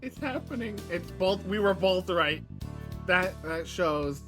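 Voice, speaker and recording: A woman's voice: on the low side, takes it slowly. A woman co-host on a live stream, cracking jokes and reacting eagerly to the story. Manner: jokey, animated reactions and quips. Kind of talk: casual chat while reading. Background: game music.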